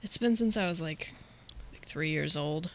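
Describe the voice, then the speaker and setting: A woman's voice: sits low, moderate pace, background noise. A woman in her twenties, a podcast guest, chatting casually and filling her talk with "like". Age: 20s. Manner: filler-heavy, lots of "like". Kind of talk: casual chat.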